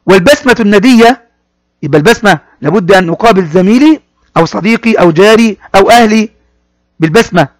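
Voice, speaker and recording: Guy teaching little kids, high voice, repeats words slow, dry close sound. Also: no echo. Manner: addresses pupils directly, repeats words slowly and spells them out. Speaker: primary school Arabic teacher. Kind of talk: classroom lesson explaining a poem.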